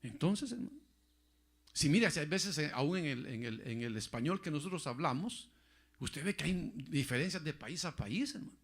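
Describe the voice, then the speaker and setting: A man pastor preaching a sermon, repeating phrases and often calling listeners "brother", going loud for emphasis and dropping quiet for asides. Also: a little high, expressive, moderate pace, slightly rough.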